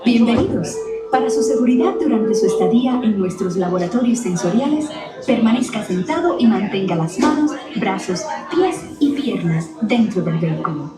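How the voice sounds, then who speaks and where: A woman's recorded safety announcement plays from a loudspeaker, polite and clipped. The sound is roomy and distant, with music under it. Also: mid-range voice, expressive, a little fast. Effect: played over a ride loudspeaker.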